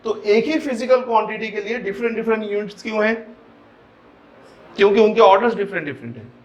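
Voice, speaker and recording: High-voiced man quizzing his class. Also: fast talker, muffled recording. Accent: Hyderabadi Hindi. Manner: explains step by step, keeps asking the class questions; mixes Hindi with English terms. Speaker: physics teacher. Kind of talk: classroom lecture.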